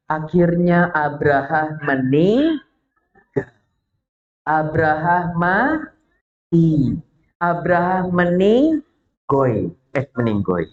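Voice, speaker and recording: A woman teaching children through an animated, playful story, often stopping to quiz them. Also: low-pitched. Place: mosque. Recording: dull lo-fi recording.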